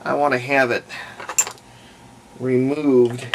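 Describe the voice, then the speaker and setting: In his repair video, a hobbyist restorer muses aloud while working through a restoration, giving casual commentary without a script. The voice is mid-range, gravelly and creaky, slow, with little pitch movement, over clear background noise.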